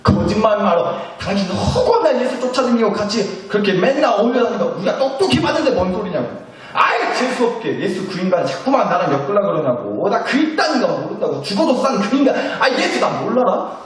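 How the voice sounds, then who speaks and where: A man's voice: high voice, sing-song, quick pace, few pauses, voice pushed up. A male pastor voicing a defiant grown man who angrily and scornfully denies knowing his friend, in a very echoey room from a distant mic. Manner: scornful, blurting rough denials.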